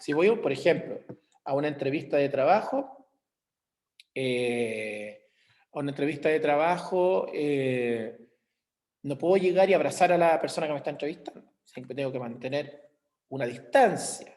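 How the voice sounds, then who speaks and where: Speaking through a computer mic on a video call, a Chilean-accented man teaches an online class, using everyday examples and checking in with his students. His voice is fairly high and darkish in tone, animated, and moves at a normal speed.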